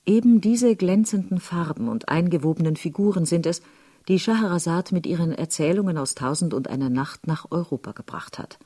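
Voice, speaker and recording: A woman giving calm, scripted documentary narration. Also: lowish voice, normal speed, breathy edge.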